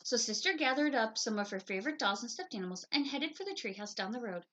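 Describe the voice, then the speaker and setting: A woman reading a children's story aloud in an expressive storytelling style. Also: fairly high pitch, fast talker, a little hiss or hum. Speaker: picture book reader.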